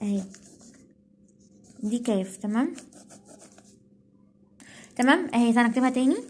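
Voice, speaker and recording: A woman's voice: fairly high pitch, lively intonation, normal speed, a little mellow. A young woman with an Egyptian Arabic accent giving casual study tips as a tutor while writing, checking in with "okay?" constantly and correcting herself as she goes.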